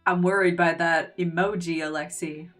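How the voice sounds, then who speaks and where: A woman streamer reads a game's narration and dialogue aloud, dropping in casual joking remarks. Her voice sits a little low and sounds slightly distant from the mic. Faint game music plays behind her. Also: steady tone, moderate pace, a bit bright. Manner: reads narration aloud, breaks into laughing asides. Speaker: streamer reading a game story. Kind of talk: game reading and reaction.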